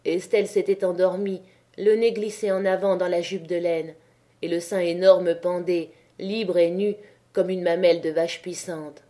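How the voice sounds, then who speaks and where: Warm-voiced woman reading a novel aloud. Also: on the low side, little pitch movement, normal speed. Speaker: audiobook narrator.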